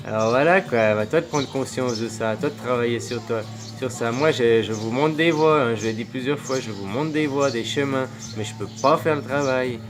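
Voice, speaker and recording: Man, spiritual vlogger, meandering monologue full of fillers and rhetorical questions, medium pitch, music under. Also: moderate pace, hardly any pauses. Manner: loose and rambling, with many fillers and rhetorical questions. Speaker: spiritual video blogger. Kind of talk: rambling spiritual monologue to camera.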